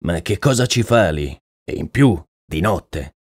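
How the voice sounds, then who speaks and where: A man's voice: low-pitched, animated, a little slow, no echo, pitched below the performer's own voice, exaggerated voice. A man voicing an earnest, uneasy male horse trainer in an audiobook, talking plainly and deferentially. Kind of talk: audiobook character reading.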